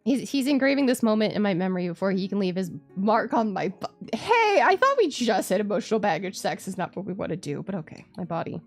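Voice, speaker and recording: A woman streamer reading a visual novel aloud with wry asides, expressive and candid. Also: medium pitch, fast, hardly any pauses, soft background music.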